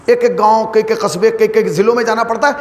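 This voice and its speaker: A man voicing a polite, deferential male Angel of Death with a soft, humble way of speaking while retelling a story in a sermon. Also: high-pitched, steady tone, lightly acted. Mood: explaining. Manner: humble, soft-spoken, explains patiently. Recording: long hall reverb, faint noise.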